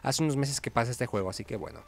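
With vocal fry in his fast, animated mid-range voice, a man hosts a gaming video, offering casual and playful playthrough commentary. His voice-over mic is layered over game audio while game music runs underneath.

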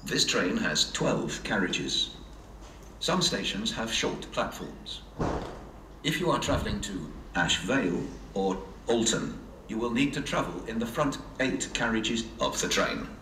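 A man making measured train announcements, heard over a station public address loudspeaker on a railway platform. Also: fairly low pitch, distant mic. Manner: measured, even announcing delivery. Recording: echoey loudspeaker heard from afar, noisy.

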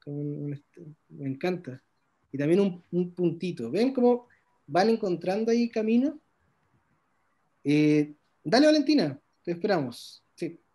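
A man's voice: high voice, sing-song, measured pace, warm tone. A man teaching an illustration workshop over a video call, praising students' drawings with lots of enthusiasm and frequent restarts.

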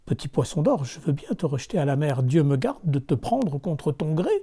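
A man voicing a patient, humble old fisherman in a storybook reading, speaking gently. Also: on the high side, sing-song, moderate pace, breathy edge, full character voice.

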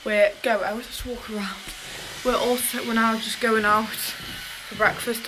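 A woman's voice: on the high side, steady tone, unhurried, noisy background. A young woman talking casually to camera in a rambling, self-deprecating vlog about her day. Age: young adult. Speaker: vlogger. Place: at home, then outdoors.

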